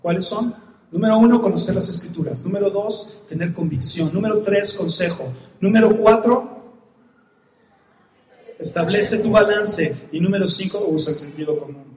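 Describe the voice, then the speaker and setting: High-voiced pastor in an echoey hall. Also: male voice, a little fast, few pauses. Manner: emphatic, repeats key phrases, questions the listener directly. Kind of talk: sermon. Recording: echoey hall with faint noise.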